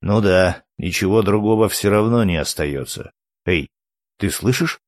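A man's voice: on the low side, measured pace, no echo, lightly acted. A man reading an audiobook, voicing a blunt, practical male character who prods with dry questions. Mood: thoughtful. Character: blunt, practical red-haired violinist man.

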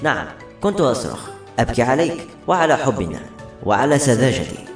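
A man's voice: medium pitch, brisk. A man voicing Maysan, a steadfast loving mother. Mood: earnest. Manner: earnest and steady. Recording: roomy echo, faint music behind.

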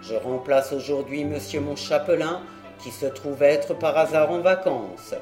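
A reader voicing a gruff, swearing old country squire in an audiobook, speaking loud and boastful. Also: mid-range voice, measured pace, faint music behind, pitched below the performer's own voice, close to an everyday voice. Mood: boisterous. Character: blustering old Breton country squire, the uncle. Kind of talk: audiobook character voice.

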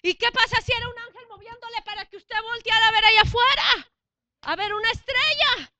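A woman preacher, delivering a lively sermon. Her voice sits high and bright. It is recorded dry and close, with no room echo. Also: brisk. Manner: animated, swings from hushed to shouted.

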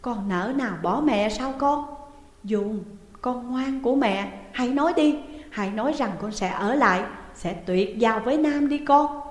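A woman's voice: a little high, unhurried, close to an everyday voice. A woman voicing a middle-aged mother who scolds and coaxes her daughter. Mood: coaxing. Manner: loud, scolding then coaxing. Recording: echoey room with long reverb.

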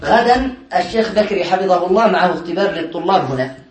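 A man's voice: sits high, expressive, fast, slight background noise. A male teacher giving a classroom grammar lesson, explaining step by step and often laughing as he checks whether students follow. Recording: echoey room, mic far away.

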